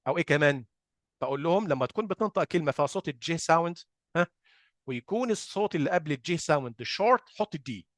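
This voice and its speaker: An Egyptian-accented man gives a phonics lesson in a slightly raised voice, asking questions and answering them himself. He stretches example sounds out slowly to demonstrate them. The recording is dry and close, with no room sound. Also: a little high, lively intonation, no room sound. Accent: Egyptian Arabic. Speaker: phonics teacher. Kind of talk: explanatory lesson.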